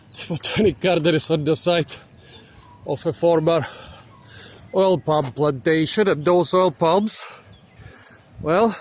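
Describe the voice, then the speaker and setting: A man talking casually while walking through a garden outdoors, out of breath and thinking aloud with pauses. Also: a little high. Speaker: vlogger. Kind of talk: casual walking vlog narration. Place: outdoors in a tropical botanic garden.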